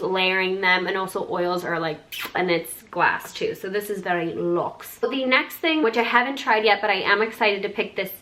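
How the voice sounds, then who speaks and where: A woman's voice: mid-range voice, fairly bright tone. Bubbly young woman doing a skincare unboxing vlog, chatty, says like a lot, grew up in singapore. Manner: bubbly, chatty, lots of "like" and "oh my God". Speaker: beauty YouTuber.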